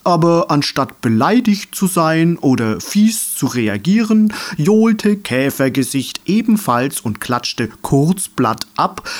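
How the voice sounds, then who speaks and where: A man narrating a children's storybook in an expressive, lively manner. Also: mid-range voice. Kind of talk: storybook reading.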